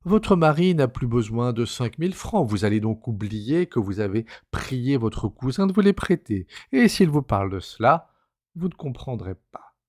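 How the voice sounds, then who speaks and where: A man reading aloud voices a calm, assured doctor who gives firm commands to a hypnotized patient. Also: mid-range voice, normal speed. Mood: commanding.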